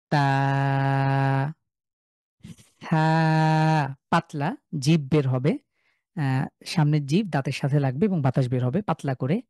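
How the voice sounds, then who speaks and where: A man's voice: a little high, breathy edge, no echo. Bengali man teaching Arabic letter sounds. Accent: Bangladeshi Bengali. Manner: sounds out each letter slowly and loudly, then explains. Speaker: Quran recitation teacher. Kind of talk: online class lesson. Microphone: video call.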